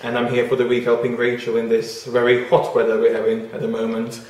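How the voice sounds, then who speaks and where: A guest cook and orchid judge from Bosnia and Herzegovina walks through a casual kitchen demonstration step by step. His medium-pitched voice is monotone and fast, captured in a roomy space with faint noise.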